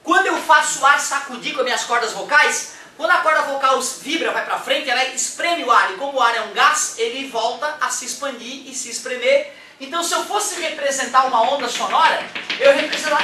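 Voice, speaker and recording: A man from Brazil, giving a lively, joking physics lecture in a classroom and acting out examples. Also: very high voice, noisy background. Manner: animated and joking, acts out examples. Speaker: physics teacher. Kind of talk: exam-prep physics lecture. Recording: echoey room, mic at a distance.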